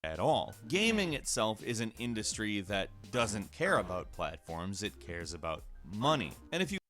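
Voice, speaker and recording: Man, bright forceful voice, lively intonation, articulate opinion narration, music behind. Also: fairly low pitch, moderate pace. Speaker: video commentator. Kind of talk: argumentative video essay narration.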